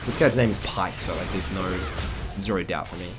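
Commenting on a game replay from his desk, this young adult gaming commentator has a low-pitched, slightly croaky voice and talks a little fast. Calm analysis gets interrupted by chatty, excitable bursts. Music plays in the background of the indoor room.

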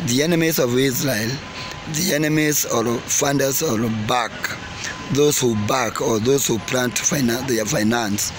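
A vlogger in his forties delivers opinionated news commentary to a phone or camera held at arm's length, standing outdoors by parked cars and trees. His mid-range voice is halting and emphatic, and he repeats his phrases. The noisy recording carries music, traffic ambience and passing vehicles.

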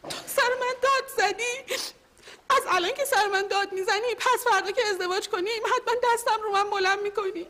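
An actress playing a whiny, self-absorbed young fiancée who complains constantly. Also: female voice, extremely high pitch, sharp tone. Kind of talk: film dialogue.

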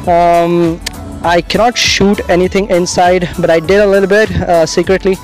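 A man vlogging casually to a handheld camera, upbeat and halting, with frequent filler sounds. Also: high voice, flat delivery, soft background music. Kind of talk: casual vlog talk to camera. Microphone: handheld camera mic.

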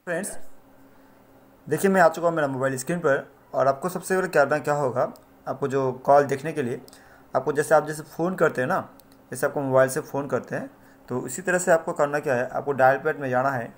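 An Indian man runs a casual tech tutorial channel, and he addresses viewers in a repetitive, pleading manner. His voice sits on the high side and moves a little fast. The amateur recording is noisy, with ambience in the background.

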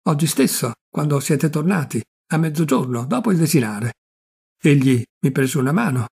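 A man's voice: fairly high pitch, expressive, normal speed, creaky, a little mellow, breathy edge, full character voice. A man reading a shy, merry young niece. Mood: coy.

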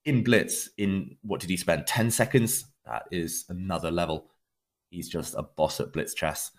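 A man giving live chess commentary as a commentator, in measured, dramatic short phrases. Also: low-pitched.

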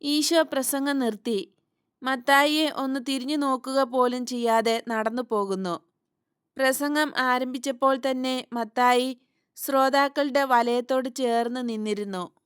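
A woman narrating a religious story in a measured, reverent way. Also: high-pitched, fairly even intonation, smooth, no room sound, studio quality. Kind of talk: scripted audiobook narration.

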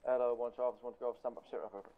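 A man's voice: mid-range voice, level tone, racing, slight background noise. A man's dull, muffled voice over game radio. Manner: formal, methodical. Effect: heard over a game's radio channel. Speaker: player giving a situation report. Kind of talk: clipped military radio procedure.

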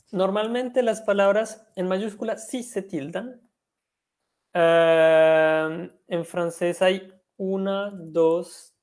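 A patient language teacher on a video call, talking at an unhurried, measured pace. They spell words out one letter at a time and move back and forth between Spanish explanations and French example words, in a voice of middling pitch. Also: darkish tone. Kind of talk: online language lesson.

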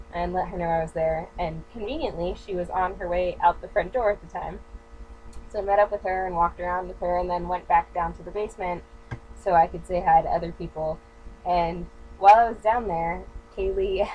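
A woman's voice: medium pitch, a little mellow. A woman in her twenties chatting casually in a rambling vlog, recorded on a webcam in a small bedroom. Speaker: vlogger. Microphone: built-in webcam mic. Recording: dull lo-fi webcam audio with faint hum.

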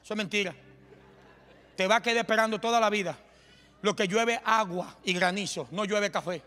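A man preaching a sermon in a church, impassioned and often shouting, with joking asides. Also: high voice, normal speed. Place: church sanctuary. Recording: long hall reverb with faint music.

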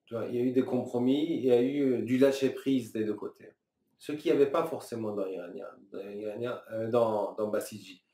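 A man's voice: medium pitch, fairly even intonation, dark tone. A man in his thirties from Iran, a filmmaker answering interview questions thoughtfully, with many restarts and fillers. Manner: thoughtful, halting, many restarts and fillers, gestures with both hands. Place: small room, seated at a table. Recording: roomy, slightly distant sound.

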